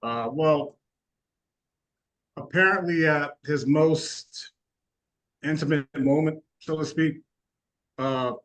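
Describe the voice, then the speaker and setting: A man co-hosting a casual sports talk show, speaking in a relaxed, hesitant way with lots of fillers. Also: fairly high pitch, takes it slowly, long pauses, rough recording. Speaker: co-host.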